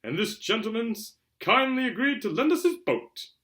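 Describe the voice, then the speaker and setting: A man voicing a bossy middle-aged uncle in a storybook, exclaiming loudly with manic, falsely cheery glee. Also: very high voice, very animated, normal speed, pitched above the performer's own voice, exaggerated voice.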